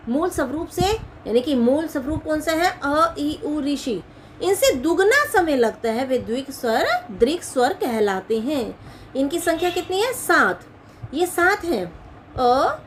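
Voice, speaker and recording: Woman teacher, high voice, question-and-answer drilling style, faint background noise. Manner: asks questions and answers them herself, repeating key points. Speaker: Hindi grammar teacher. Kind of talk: classroom-style explanation.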